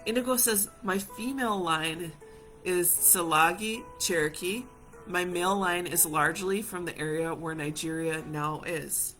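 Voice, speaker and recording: Leading a reflective live session, a Hawaiian community healer speaks gently and reassuringly to viewers in a lowish voice at a measured pace. She repeats phrases for emphasis while soft music plays behind her.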